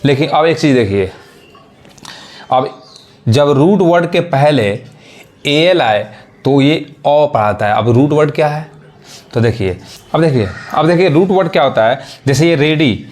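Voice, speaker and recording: A man's voice: a little high, moderate pace, darkish tone. A man teaching English pronunciation rules in Hindi, repeating his points and often checking whether his listeners understand. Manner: repetitive teaching, asks "samajh mein aa raha hai?". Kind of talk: classroom explanation.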